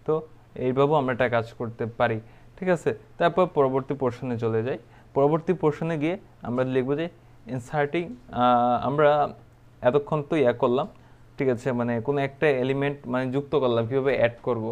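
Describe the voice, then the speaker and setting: A man's voice: mid-range voice, brisk, darkish tone, highs cut off. A man giving a casual programming tutorial, thinking aloud with many fillers and checks. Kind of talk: casual screen-recorded coding tutorial.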